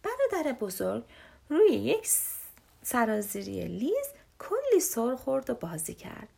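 A woman reading a children's storybook aloud in a soft, often whispered voice. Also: fairly high pitch, wildly swooping pitch, vocal fry, husky.

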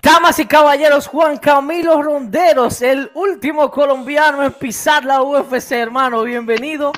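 A man hosting an interview show, excitable and full of restarts and repeated phrases. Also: very high-pitched, moderate pace. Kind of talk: casual interview.

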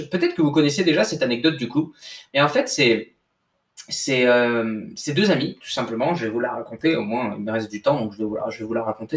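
A young man, a sports coach, giving a casual motivational talk with lots of restarts and slang. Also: mid-range voice. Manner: informal, repetitive restarts, addresses listener as bro. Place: at a desk indoors. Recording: echoey room, mic at a distance.

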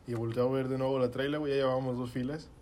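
A man's voice: medium pitch, little pitch movement, very fast, a little hiss or hum. A young man with a Mexican accent telling a story to friends in casual, slangy chat full of swearing. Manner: slangy, swearing, acts out his own shouting in quotes.

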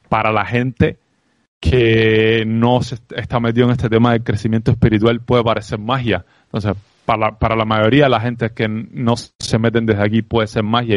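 A man with a Cuban accent, a guest on a podcast, talks about sales in an animated, reflective way, often asking "¿sabes?". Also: fairly low pitch, dry recording. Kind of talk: casual interview conversation.

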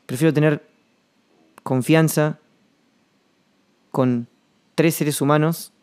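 A man with a Rioplatense Spanish accent hosting a reflective solo podcast monologue, rambling and slangy, thinking aloud with pauses. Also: fairly high pitch, steady tone, a little mellow, smooth. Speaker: podcast host.

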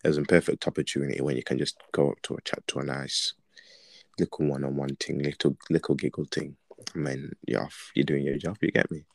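Very deep-voiced young Londoner, halting delivery. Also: male voice, little pitch movement, creaky, no echo. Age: young adult. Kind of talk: casual banter chat.

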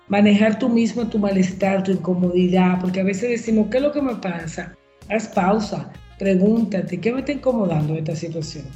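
A woman counselor explaining ideas at a measured pace and posing reflective questions, as a guest on a show. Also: medium pitch, dark tone. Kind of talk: advice talk on a show. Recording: roomy, slightly dull sound.

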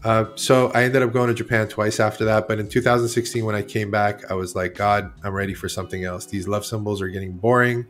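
A man's voice: fairly low pitch, fairly even intonation, fast talker, few pauses, soft background music. A man in his forties, originally from Iran, talking as a guest artist in a casual interview, rambling and correcting himself as he goes. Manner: rambling, candid, self-correcting.

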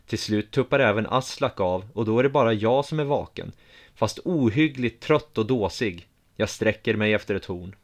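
Male audiobook narrator, low voice, calm first-person storytelling.

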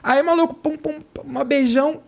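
A man, a guest in a casual chat, telling animated stories and acting out the voices of the people in them. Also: very high-pitched, normal speed. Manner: animated storyteller, acts out quotes.

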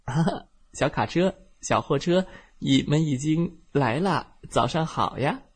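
A man's voice: on the high side, animated, unhurried, breathy edge, full character voice. A man voicing a kind, hardworking small forklift who looks after the young vehicles like a patient father, in a bedtime storybook. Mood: cheerful. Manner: gentle and patient.

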